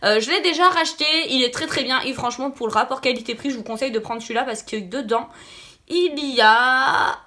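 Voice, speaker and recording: A woman's voice: high-pitched, a little fast, sharp tone. A woman with a lisp and slushy s sounds, sounding slightly sick, chatting casually and emphatically as she reviews beauty products to viewers. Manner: emphatic, repeats words for stress. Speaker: beauty vlogger.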